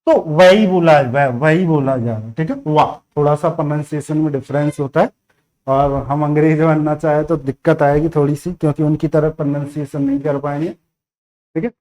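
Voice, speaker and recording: A man's voice: fairly high pitch, steady tone, normal speed, a little mellow. A man teaching beginner phonics, repeating each letter sound again and again and checking in often. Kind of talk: beginner phonics lesson in Hindi.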